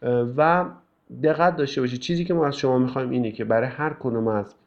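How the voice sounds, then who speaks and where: A male English teacher calmly explaining course tasks to students, with frequent fillers. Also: mid-range voice. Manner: calm, explanatory, with many fillers. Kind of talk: recorded class instructions. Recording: dull lo-fi recording.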